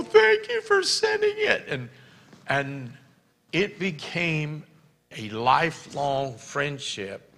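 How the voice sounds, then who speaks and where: An older male pastor tells a story from the pulpit, his voice gravelly with a bright, forward edge. He acts out each person's lines as he goes. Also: medium pitch. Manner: animated storyteller acting out quoted voices. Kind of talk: storytelling sermon.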